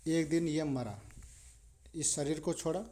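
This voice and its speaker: A male religious storyteller with a warm, mellow voice pitched a little high. He tells a devotional tale in a chatty, animated way, often calling his listeners brother. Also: unhurried.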